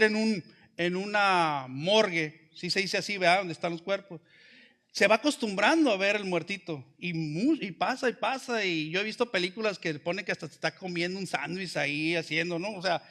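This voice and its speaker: Guy preaching to his congregation, keeps asking them questions, kinda high bright voice w some gravel. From Mexico. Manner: conversational preaching with many rhetorical questions and restarts; often addresses listeners as brothers. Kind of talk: sermon.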